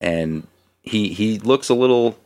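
A man narrating as game master of a tabletop game in a relaxed, hesitant way. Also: fairly low pitch, unhurried.

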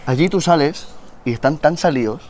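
A young man in casual chat with a friend, animated and joking. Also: on the high side, normal speed, slight background noise.

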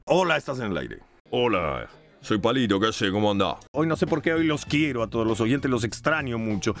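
A man's voice: medium pitch, sing-song, fairly quick. A man hosting a call-in radio show, sarcastic and theatrically insulting toward callers.

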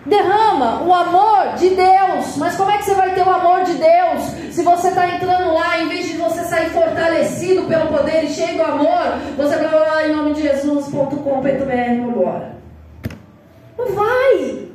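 A woman pastor with a Brazilian Portuguese accent preaching a sermon, animated, repeating phrases and asking rhetorical questions. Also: extremely high pitch, fairly quick, hardly any pauses. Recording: echoey hall, voice far from mic, noisy.

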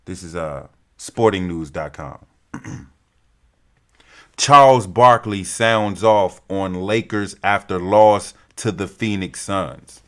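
A young man giving casual, animated sports commentary as a vlogger, with a profane, trash-talking fan's manner. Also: sits low, slow.

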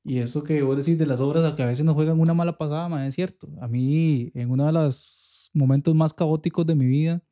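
A man's voice: a little high, steady tone, brisk, hardly any pauses, dark tone. A young man with a Costa Rican accent, talking earnestly in a casual faith podcast and often checking whether the listener follows him. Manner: earnest, keeps checking in with "you get me?". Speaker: podcast co-host.

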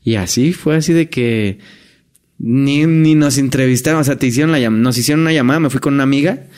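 A man's voice: mid-range voice, fairly quick, darkish tone. Chatty Mexican man telling stories. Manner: chatty, peppers speech with tag questions and restarts. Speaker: guest, former hotel entertainer. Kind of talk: casual storytelling chat.

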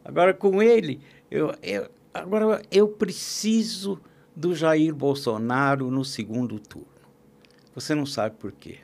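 On the high side and darkish in tone, this man's voice carries vocal fry and an unhurried pace. As a podcast guest, the columnist and agribusiness consultant chats about politics with strong opinions and a casual air, frequently starting sentences over and leaning on fillers.

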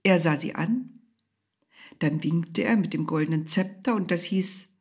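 A woman's voice: fairly low pitch, a little slow, darkish tone, breathy edge. A woman narrating a storybook tale expressively, sometimes dropping to a whisper.

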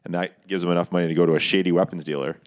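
A man's voice: low voice, steady tone, rapid-fire. A man co-hosting a casual movie chat, enthusiastic and agreeable, retelling scenes. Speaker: podcast co-host.

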